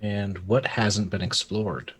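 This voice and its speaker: A man's voice: lowish voice, steady tone, slow pace, fairly bright tone, slight background noise. A man playing a tabletop game, talking in a hesitant, rambling and goofy way. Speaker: player.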